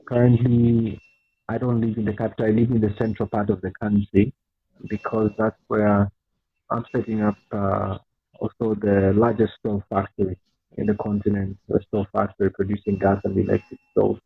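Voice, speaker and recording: A young man from Zambia talks through a thin, phone-like call line that sounds dry and close. His voice sits a little low, and he speaks unhurriedly, with plenty of fillers and restarts. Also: flat delivery, normal speed, gravelly, breathy edge, no echo. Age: 20s. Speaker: guest entrepreneur. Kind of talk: casual interview talk.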